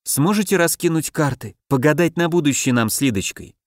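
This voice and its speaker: A man's voice: fairly high pitch, expressive, a little fast, no room sound, studio quality, close to an everyday voice. A man reading the lines of a bitter, scorned woman seeking revenge in an audiobook, in a pleading tone. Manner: pleading, then disappointed.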